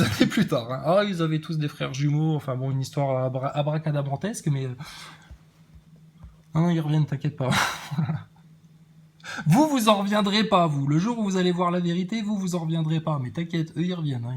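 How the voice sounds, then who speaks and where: A man's voice: a little high, brisk. A man delivering a sarcastic, theatrical monologue, mocking as he goes, slipping into voices and laughing often. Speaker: vlogger mocking a public figure.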